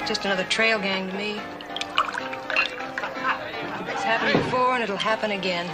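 A woman playing a worldly, cynical western saloon girl with an unhurried delivery. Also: medium pitch, natural voice. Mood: weary. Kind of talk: 1950s television western acting. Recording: old TV soundtrack, music, saloon crowd.

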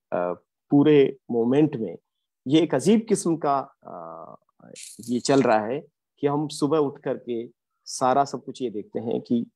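A man giving an academic lecture, earnest and reflective, pausing often with hesitations. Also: mid-range voice, warm tone. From India. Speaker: guest lecturer.

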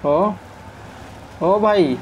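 A man's voice: high voice, very slow, a little mellow, slight background noise, poor audio. A man giving casual commentary as he plays a game, chatting to his truck and his viewers. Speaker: gaming streamer. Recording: faint game sounds in background.

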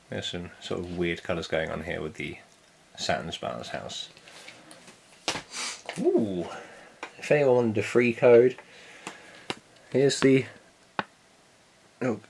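A man's voice: fairly low pitch, creaky, a little hiss or hum. A man chatting casually as he unboxes a vinyl set, laid-back and jokey, swearing now and then. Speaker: vinyl collector vlogger.

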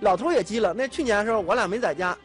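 A man's voice: sits high, racing, soft background music. A man speaking up from the audience of a mediation show, scolding with repeated rhetorical questions. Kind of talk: heated interjection.

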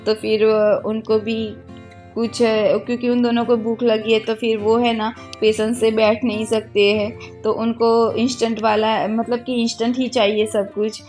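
A woman's voice: fairly high pitch, little pitch movement, a little slow, a little mellow. A young woman, chatting her way through a home cooking voice-over and explaining each step with lots of tag fillers. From India. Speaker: home cooking vlogger and mother. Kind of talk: casual voice-over cooking narration. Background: faint background music.

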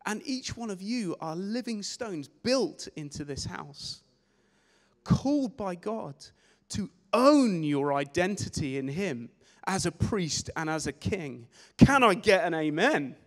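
A young man preaching a sermon on a church stage with a handheld mic, energetic and gesturing, often repeating words as he restarts phrases. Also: high-pitched, takes it slowly. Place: church stage in a large hall. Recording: long hall reverb.

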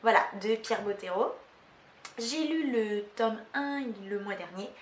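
A chatty woman book vlogger talks to camera in a fairly high voice, full of fillers and self-mocking asides. The sound carries a roomy echo. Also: expressive, a little slow, a little hiss or hum. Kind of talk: casual chat to camera.

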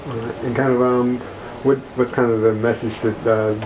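A man's voice: mid-range voice, flat delivery, moderate pace, background noise. A man asking a coach questions at a press conference in a hesitant way, with fillers. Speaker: reporter.

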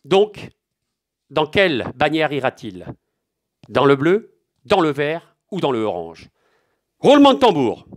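A man's voice: on the high side, sing-song, takes it slowly, pauses often. A man hosting a joking mock game-show council, theatrical and swearing freely, repeating words to build suspense. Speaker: online sailing game league host.

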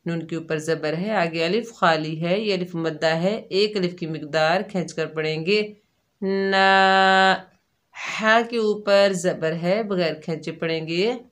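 A woman with a fairly low voice teaches tajweed at a measured pace, going through Quran recitation rules step by step. She explains each letter patiently, then chants the syllables in slow drills, drawing them out and raising her volume.

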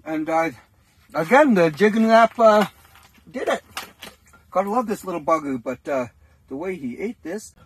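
A man's voice: sits high, animated, normal speed, long pauses, a little hiss or hum, poor audio. A man in his forties, a fishing vlogger, rambling chattily to a phone camera held at arm's length inside an ice fishing tent. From Canada. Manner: rambling, chatty, with frequent fillers and laughs. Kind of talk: casual vlog talk to camera.

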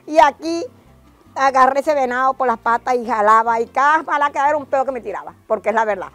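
An older woman with a Venezuelan accent, telling lively stories from her childhood in an interview and acting out cries in a high voice. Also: fast, dry recording. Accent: Venezuelan Spanish. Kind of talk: lively storytelling.

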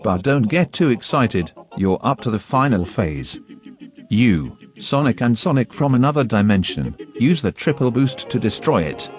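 A man's voice: mid-range voice, sing-song, moderate pace, natural voice. A man voicing an earnest, explanatory animal sidekick in a parody cartoon dub. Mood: encouraging.

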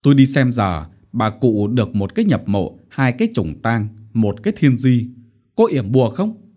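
A man's voice: mid-range voice, expressive, moderate pace, mellow, lightly acted. A man voicing an older male village gambler who banters and wails, read in an audiobook. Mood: gossipy.

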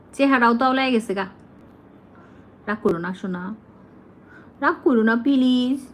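A woman's voice: fairly high pitch, a little hiss or hum, low-quality recording. A woman, talking casually to her pet bird, scolding it and then coaxing it in a sing-song voice. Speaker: pet owner.

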